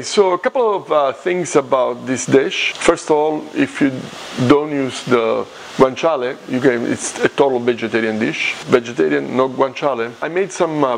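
A man's voice: mid-range voice, vocal fry, background noise. A man in his fifties with an Italian accent, casually hosting a cooking demonstration in short, repeated phrases, recorded in a home kitchen. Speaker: cooking show host.

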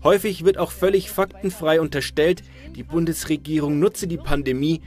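A man's voice: fairly high pitch, fairly even intonation, moderate pace, darkish tone. A man reading scripted narration for a news video. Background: music.

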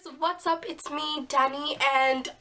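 A woman's voice: sits high, fairly even intonation, measured pace, over loud music. Young woman vlogger with a cold. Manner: chatty, with frequent ums and likes. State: has a cold, losing her voice. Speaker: beauty vlogger. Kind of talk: casual chat to camera.

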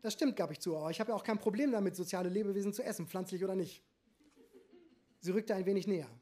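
A man's voice: high-pitched, quick pace, dark tone. A man reading his own satirical short story aloud in a dry, ironic manner.

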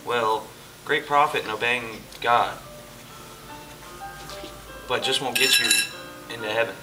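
Slowly and with fairly even intonation, a man in a mid-range voice, pushed and bright, portrays Jesus in an amateur church stage play, earnestly and patiently explaining to his dinner guest. The recording comes from a far camera indoors on a church hall stage, music audible behind him.

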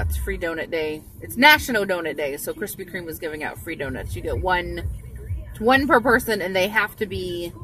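A woman in her thirties vlogs from a closed-up parked car, chatting loosely into a phone at arm's length and often stumbling and restarting amid ums. Her lowish voice has a fairly bright tone. Faint radio music sits behind the poor audio, which sounds far from the mic.

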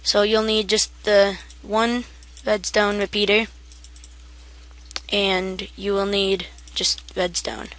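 A woman's voice: medium pitch, flat delivery, slow pace, fairly bright tone. A woman giving a casual, rambling game tutorial, half asleep and self-deprecating, with keyboard typing behind her. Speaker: gaming tutorial maker.

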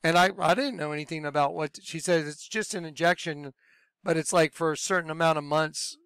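High, smooth-voiced man giving testimony. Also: steady tone, a little fast, a bit bright, no echo. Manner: earnest, acts out quoted dialogue. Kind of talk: personal testimony storytelling.

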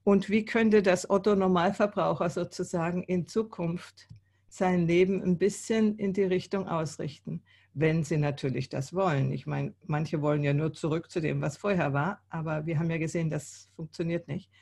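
A woman's voice: fairly low pitch, steady tone, normal speed, vocal fry, a little mellow. A woman in her sixties hosting a video call interview, conversational and thinking aloud with occasional fillers. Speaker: host. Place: indoor room.

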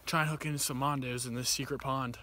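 A man's voice: medium pitch, fairly even intonation, brisk, sharp tone, a little hiss or hum. A young man talking to an action camera in the woods near a pond, in a playful, mock-grand way. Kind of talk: casual outdoor chat. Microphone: action camera held close.

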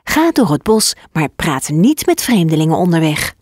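A woman voicing a gentle, caring mother giving instructions to her daughter. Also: sits low, sing-song, normal speed, dry recording, clean studio sound. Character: caring mother of a little girl. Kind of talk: storybook reading.

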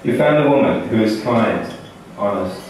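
At a wedding in an indoor banquet hall, a man in his thirties, a native Russian speaker, delivers a humorous best man speech from his notes. He holds a mic and uses a lowish, deadpan voice, waiting for laughs. The recording comes from a distant audience camera, echoey and full of crowd sounds.

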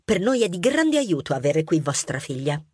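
A woman's voice: on the low side, very animated, normal speed, a little mellow, breathy edge, no echo, clean studio sound. A woman playing a friendly, witty police inspector mouse, businesslike and teasing. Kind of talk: audiobook character acting.

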